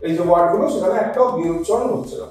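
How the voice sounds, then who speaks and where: A woman's voice: medium pitch, rapid-fire, darkish tone, faint music behind. A woman teacher leading a classroom pronunciation drill, repeating each word and quizzing the class again and again. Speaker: English teacher. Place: classroom with children. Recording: very echoey room, distant mic.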